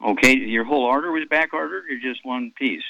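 A man's voice: mid-range voice, fairly quick, creaky, no room sound, highs cut off. A man in his eighties hosting a call-in radio health show, rambling through product doses with many fillers and repeats. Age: 80s.

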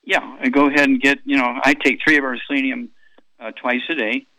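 A man's voice: medium pitch, flat delivery, a little fast, pushed and bright, no room sound, poor audio. A man in his eighties hosting a call-in radio health show, rambling through product doses with many fillers and repeats. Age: 80s.

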